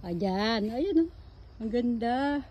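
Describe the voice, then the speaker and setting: A woman's voice: fairly high pitch, lively intonation, slow pace, a little mellow, breathy edge. A woman filming a casual walking vlog outdoors on her phone, chatting to her viewers and calling her dog in a sing-song voice, sometimes out of breath. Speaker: vlogger. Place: outdoor garden and dog run on a hillside.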